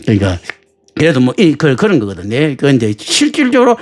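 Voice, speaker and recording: Animated, joking male pastor preaching. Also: medium pitch, a little fast. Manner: colloquial, joking preaching with many rhetorical questions. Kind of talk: sermon.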